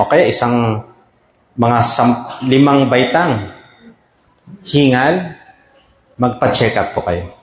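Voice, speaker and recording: Filipino doctor explaining in an echoey room. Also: male voice, mid-range voice. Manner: explains with repeated "okay?" checks. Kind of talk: health talk to patients.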